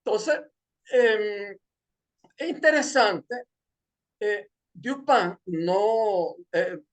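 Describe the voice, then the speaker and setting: A man's voice: high-pitched, extremely slow. Venezuelan male seminar lecturer, casual, digressive, many fillers, wry jokes. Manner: digressive, hesitant, joking asides. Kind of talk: informal lecture retelling a story.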